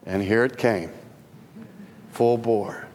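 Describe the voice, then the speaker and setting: A man preaching a sermon, telling a personal story with slow, emphatic phrasing and dramatic pauses. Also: fairly low pitch, steady tone, a little mellow, a little hiss or hum. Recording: reverberant hall with faint ambience.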